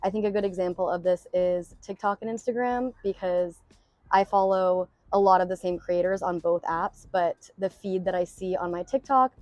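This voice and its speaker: A woman's voice: fairly low pitch, fairly even intonation, moderate pace, darkish tone, no room sound. A young woman from Massachusetts answering interview questions, earnest and emphatic. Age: young adult.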